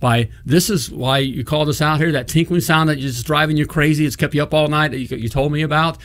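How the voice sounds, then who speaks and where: A middle-aged man, a plumbing business coach, hosts a coaching talk show on an indoor studio set. He talks into a boom-arm desk mic at a quick clip with a slightly bright tone, hammering each point with "okay?" and "all right?".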